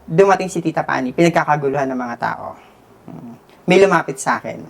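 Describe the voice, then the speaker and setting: A man's voice: on the high side, expressive, a little fast, gravelly. A man with a Filipino accent, a hair stylist and guest, telling his story in a casual interview and switching between Tagalog and English.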